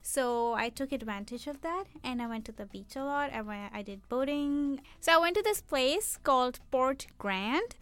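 A woman's voice: high-pitched, expressive, moderate pace, hardly any pauses, fairly bright tone, clear, resonant tone. A woman co-hosting a language lesson in a casual, chatty, conversational way. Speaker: Urdu lesson podcast host.

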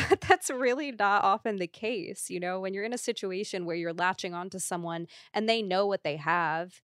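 A woman's voice: medium pitch, moderate pace, fairly bright tone, no echo, clean studio sound. A young woman talking candidly as a podcast guest, rambling with lots of fillers and the odd nervous laugh. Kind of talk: casual podcast conversation.

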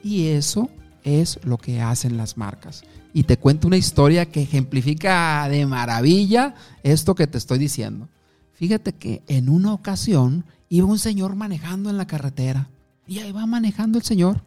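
A man teaches communication skills, speaking directly to the listener and asking questions. His voice is mellow and pitched a little high. Soft background music plays faintly underneath. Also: lively intonation, moderate pace. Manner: asks the listener questions, tells short anecdotes. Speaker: communication coach. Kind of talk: instructive talk to the listener.

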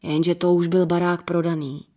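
A woman's voice: on the low side, level tone, warm tone, close to an everyday voice. A woman reading the part of a stocky, apologetic village man in his sixties, explaining himself earnestly in an audiobook.

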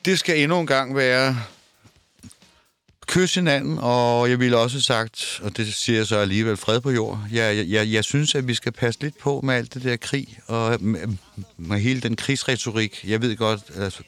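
A man's voice: medium pitch, fairly bright tone, clean tone, no echo, soft background music. An older man being interviewed in a studio, talking casually and stammering, often repeating words and restarting. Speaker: interview guest. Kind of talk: casual conversation. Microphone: headphones and studio mic.

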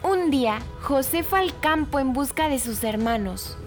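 A woman hosting a weekly children's story show, narrating in an animated, expressive way with emphatic repetition. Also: sits high, moderate pace, faint music behind.

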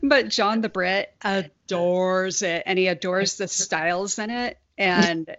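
A middle-aged woman in a casual group chat, telling a rambling anecdote in a relaxed way. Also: medium pitch, slow, no echo. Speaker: podcast co-host, mother of a co-host. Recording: dry, dull lo-fi recording.

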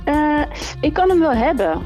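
A woman's voice: high voice, big pitch swings, normal speed, mellow. A woman co-hosting a casual chat, easygoing and a little hesitant. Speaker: co-host. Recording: music playing underneath.

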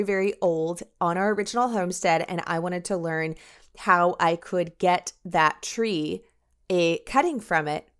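A woman's voice: on the low side, clear, resonant tone. A woman hosting a podcast, talking through an introduction in an explanatory way. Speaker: podcast host.

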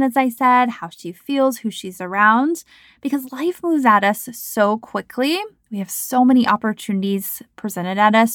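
A woman in her thirties talks through her podcast as a coach, with a fairly high voice. She's chatty and encouraging, peppering her talk with "like" and "you know." The recording is close and dry, with no room sound. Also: dry recording. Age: 30s. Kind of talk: casual podcast monologue.

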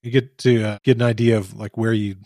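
A man's voice: lowish voice, level tone, fairly quick, warm tone, dry recording. Male podcast host, dry close voice. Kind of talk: podcast intro and interview.

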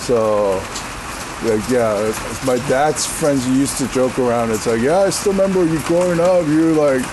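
A Korean man with a deep voice answers interview questions casually, laughing easily and using lots of fillers. He speaks at a normal pace in an ordinary middle pitch, while loud, heavy rain patters in the background.

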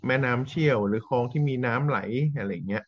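Quick-talking man, dull sound. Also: medium pitch. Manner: relaxed storytelling, polite particles. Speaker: podcast co-host. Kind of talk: casual chat.

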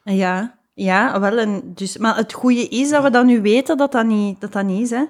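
A woman's voice: on the high side, normal speed. A Flemish woman speaking earnestly in a casual discussion.

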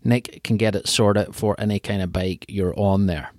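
A man's voice: fairly low pitch, steady tone, moderate pace, darkish tone, dry recording, studio quality. A man hosting a podcast, chatting in an informal, chummy way as he introduces and questions his guest. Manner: informal, chummy, uses slangy address. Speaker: podcast host. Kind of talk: casual chat, interviewing.

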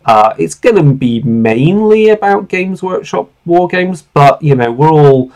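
A man's voice: a little high, animated, unhurried, a little mellow. A man around forty hosting a casual podcast, talking in an informal, rambling way and swearing freely. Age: late 30s to 40s. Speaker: podcast host.

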